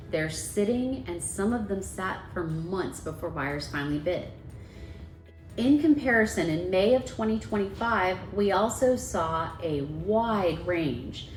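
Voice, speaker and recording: Woman presenting in an echoey room. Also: medium pitch. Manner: explanatory, emphatic on key words. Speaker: real estate agent presenting a market report. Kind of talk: presentation of a market report to viewers. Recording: echoey room, faint background noise.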